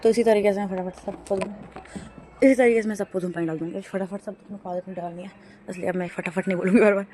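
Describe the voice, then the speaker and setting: A woman's voice: medium pitch, steady tone, fast talker. A young woman chats casually to her vlog viewers as she waters plants on her rooftop. She talks about each chore as she does it and laughs at herself. The phone recording carries plenty of outdoor noise. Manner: chatty, self-narrating chores, laughs at herself. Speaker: vlogger. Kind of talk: casual home vlog chat. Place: home rooftop and garden area.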